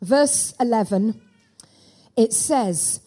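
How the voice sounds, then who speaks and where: A woman's voice: on the high side, drawn-out words, dark tone. A woman preacher speaking into a pulpit microphone in a church, delivering a sermon and calling out for amens from the congregation.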